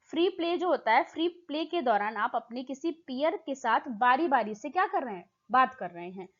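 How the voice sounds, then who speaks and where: A woman teaching exam prep, affectionately addressing students and repeating each point, reading English questions out slowly. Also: sits high, animated, fairly bright tone, lo-fi sound. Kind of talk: explaining lesson in Hindi mixed with English.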